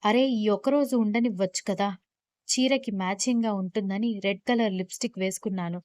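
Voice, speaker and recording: A loving but sulky young wife from a storybook romance, as a woman narrator voices her, quick with a pouting comeback. The voice sits at a middle pitch and sounds dry and close to the mic. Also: a little mellow, dry recording, natural voice.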